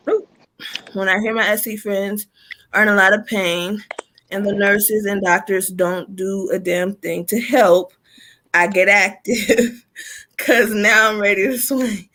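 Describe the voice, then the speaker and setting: A woman's voice: medium pitch, a bit bright, rough recording. A woman from Los Angeles hosting a casual panel chat, laughing often and keeping a playful, easygoing tone. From Los Angeles, California. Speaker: host.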